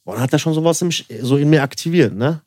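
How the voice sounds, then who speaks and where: A young man, a podcast co-host, rambles through a story in casual chat, full of filler tags like "so" and "ne" and acting out both sides of the dialogue in quotes. His voice is a little high, fast and darkish. The recording is dry and studio quality.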